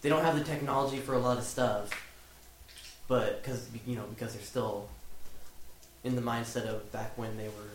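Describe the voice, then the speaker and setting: A man's voice: mid-range voice, steady tone, normal speed, long pauses. Young guy rambling about a movie w/ lots of "like", roomy echo, bit of hiss. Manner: rambling, filler-heavy retelling, swears often. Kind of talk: casual chat among friends. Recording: echoey room, faint noise.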